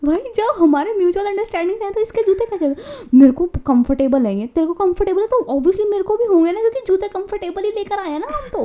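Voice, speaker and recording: High-voiced young woman telling a story. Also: fast talker, few pauses. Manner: animated, mimics family members. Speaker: podcast co-host. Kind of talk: casual chat, storytelling.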